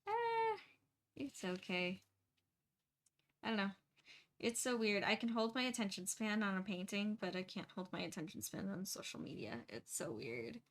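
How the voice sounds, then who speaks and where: A woman's voice: medium pitch, animated, moderate pace. A young woman chatting casually and a little sleepily as she paints, rambling and laughing often. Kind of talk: casual chat while painting.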